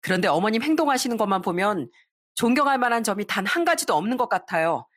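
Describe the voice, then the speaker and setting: A woman's voice: medium pitch, sing-song, fast talker, a bit bright, no echo, clean studio sound. A woman narrating a first-person family story in a confiding storytelling manner.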